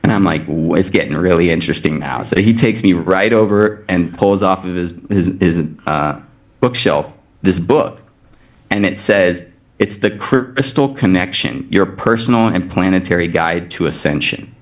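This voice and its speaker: A man with a low voice talks over a video call as a guest on a podcast. He tells a long personal story with energy, acting out each quoted exchange as he goes. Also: normal speed. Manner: animated retelling with many quoted exchanges. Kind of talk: anecdotal storytelling in casual chat.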